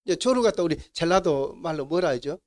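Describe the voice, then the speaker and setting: A man's voice: fairly high pitch, expressive, fast. A middle-aged man with a Jeolla Korean accent, giving a classroom lecture as an instructor and answering his own questions to the class. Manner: asks the class questions and answers them himself.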